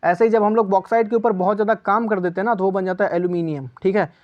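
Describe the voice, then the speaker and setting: Heard through a muffled recording, this man's voice sits high and keeps a steady tone while racing along. He's an exam-prep teacher giving a chatty quiz lesson, inviting viewers' answers and echoing each key one back as question and reply.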